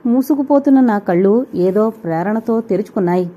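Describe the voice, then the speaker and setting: Mellow-voiced woman reading a novel. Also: medium pitch, moderate pace. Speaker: audio novel narrator. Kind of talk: scripted first-person novel reading. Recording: dull lo-fi recording.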